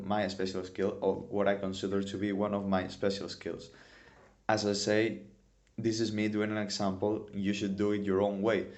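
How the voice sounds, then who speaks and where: Fairly low and slightly dark in tone, this voice belongs to a man in his twenties from Spain. He gives a relaxed English lesson in a Spanish accent, using non-native phrasing and repeating words to stress them.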